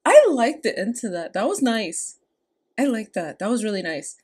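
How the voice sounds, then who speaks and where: A young adult woman hosts a reaction video from a small room, gushing and giggling through casual commentary while music and game trailer audio play in the background. Her voice is a little high, a little mellow and husky, with big pitch swings at a moderate pace.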